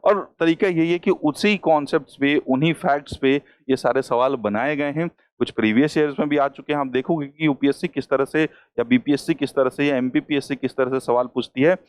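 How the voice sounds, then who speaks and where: A man's voice: medium pitch, a little fast, hardly any pauses, clear, resonant tone. A man teaching an exam-prep class, working through questions step by step and repeating the key terms. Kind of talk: lecture solving exam questions.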